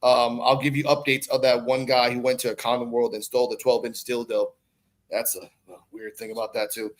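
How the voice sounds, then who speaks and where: Recorded in low quality, this brisk mid-range voice shows little pitch movement. The speaker, an online content creator and podcaster from the Bronx, New York, is a podcast guest chatting casually, rambling in slang and occasionally swearing.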